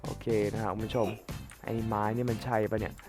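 A man's voice: fairly low pitch, steady tone, fairly quick, darkish tone, faint music behind. A young man with a slight cold, chatting casually to his viewers while playing a game and wandering off into rambling asides. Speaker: gaming YouTuber. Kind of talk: casual gameplay commentary.

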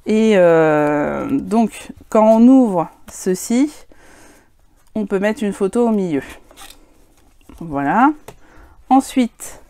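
A woman's voice: medium pitch, lively intonation, very slow, pauses often, warm tone, no room sound. A woman presenting her handmade scrapbook albums in a casual, hesitant way, with many fillers and some self-deprecating remarks. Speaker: scrapbooking vlogger. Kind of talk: casual show-and-tell of crafts.

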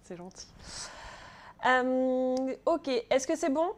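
Speaking slowly in a high, expressive voice, a woman teaches pastry live online from a kitchen. She's chatty, jokes with her viewers, and often asks "ok?" to check they're following.

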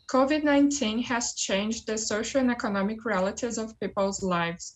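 Twenties moderator from Brazil, polite and careful, mid-pitched voice on a webcam call. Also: female voice. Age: 20s. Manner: polite, reads questions carefully. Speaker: panel moderator. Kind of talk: moderating an online panel. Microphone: webcam on a video call.

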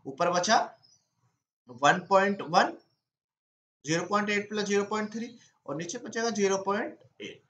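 A man's voice: sits high, unhurried, pauses often, a bit bright, roomy sound. A man teaching an exam-prep lesson, walking through each step by asking himself questions and then answering them.

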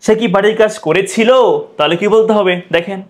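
In a video lesson, a man teaches English, repeating example sentences slowly and continually asking the viewer questions. His voice sits high.

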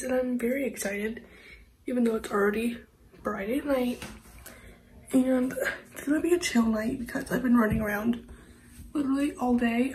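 Young woman vlogger, stuffy nasal cold voice, a bit high, rambling and soft at home, faint room noise. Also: poor audio. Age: young adult. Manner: chatty, rambling, often drops to a half-whisper. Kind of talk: casual vlog chat. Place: at home, indoors.

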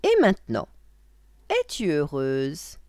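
A woman's voice: low voice, wildly swooping pitch, slow, darkish tone, no room sound, clean studio sound, full character voice. A woman voicing a wicked old witch in a children's story, with a theatrical, cackling manner. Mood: coaxing.

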